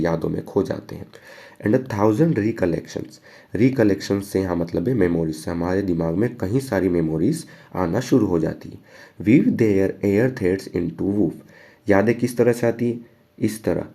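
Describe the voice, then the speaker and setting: Brief: male teacher, low dark voice, gravelly texture, slow verse readings and casual explanation. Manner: reads verse lines slowly, then explains casually. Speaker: English teacher. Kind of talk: line-by-line poem explanation.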